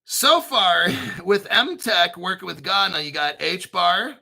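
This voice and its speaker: This crypto video host reads through articles in a casual, excitable, sarcastic style, cursing and frequently clearing his throat. His voice sits high and he takes his time, and the recording quality is low.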